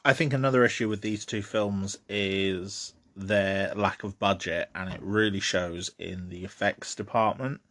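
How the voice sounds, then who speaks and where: Man, low voice, solo podcast host, casual film talk, rambling, lots of ums. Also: steady tone, unhurried, hardly any pauses, a bit bright. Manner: rambling, many ums and restarts.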